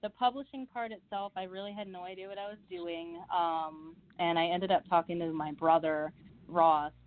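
A young Midwestern woman, an author, chats through a casual interview in a fairly low voice at a moderate pace. She laughs often and fills her speech with fillers and restarts. The audio sounds narrow, like a phone.

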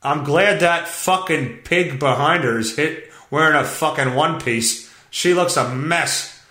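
A man's voice: on the high side, a little slow, pushed and bright, reverberant. A man hosting a solo podcast, reading news headlines aloud and ranting about them in a blunt, profane, exasperated way. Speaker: podcast host.

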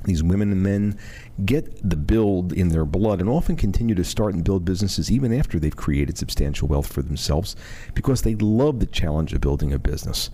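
A man announcing the show, reading a scripted promo in a measured, sales-like way. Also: low voice, animated, mellow.

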